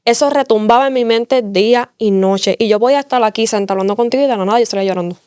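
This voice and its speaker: A woman tells her faith story in earnest, repeating phrases to drive them home. Her voice sits a little high and sounds smooth and clear. The recording is close and dry. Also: racing, a little mellow, no echo. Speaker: interview guest giving testimony. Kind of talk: emotional faith testimony.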